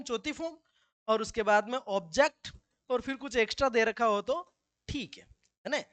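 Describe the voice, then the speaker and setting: A man's voice: high voice, fairly bright tone, smooth, no room sound. A male teacher giving a classroom grammar lesson, with joking asides and slips into local dialect.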